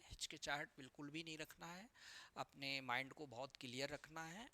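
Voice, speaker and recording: Bright-voiced man coaching interview candidates. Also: a little high. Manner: repeats "है ना" as a tag; spells out abbreviations slowly. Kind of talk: explanatory lecture.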